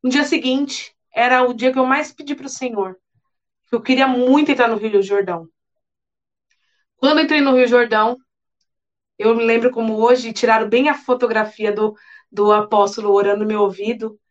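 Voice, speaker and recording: A young woman with a high, bright voice tells an emotional testimony from the pulpit, earnest and animated, repeating phrases for weight. The recording is dull and lo-fi. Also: normal speed. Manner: animated, earnest storytelling with repetitions. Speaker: preacher giving a testimony. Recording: dull lo-fi sound.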